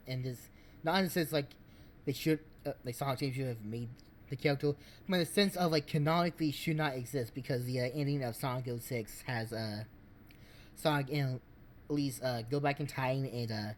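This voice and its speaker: A man streaming, giving casual game commentary in a rambling, halting way. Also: mid-range voice, a little hiss or hum.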